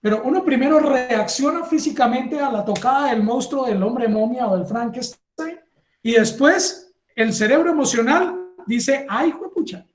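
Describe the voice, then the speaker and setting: A man giving a university lecture, lively, acting out little scenes and asking the class if they follow. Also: very high voice, unhurried, reverberant. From Colombia. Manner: animated, acts out little scenes and asks the class for agreement.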